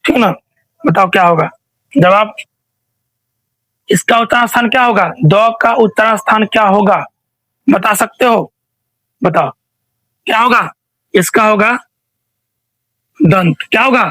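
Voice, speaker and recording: A man's voice: high voice, a little slow, long pauses, bright, forceful tone, no echo, poor audio. A male teacher running an online revision quiz, asking each question again and again and prompting students to answer.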